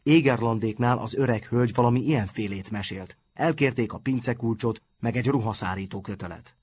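A man's voice: medium pitch, a little mellow, husky, close to an everyday voice. A man voicing a formal, strict schoolboy negotiator in a storybook reading. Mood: reporting. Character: stiff, formal schoolboy envoy.

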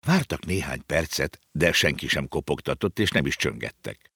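Low-voiced man, audiobook narration of a children's story, animated delivery, dry close sound. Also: vocal fry, breathy edge, dry recording. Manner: lively, expressive storytelling.

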